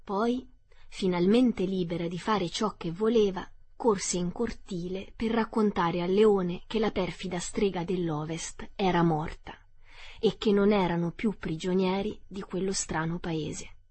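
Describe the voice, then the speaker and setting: A woman narrating a classic storybook aloud for radio, measured and expressive. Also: on the low side, husky, no room sound. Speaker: audiobook reader.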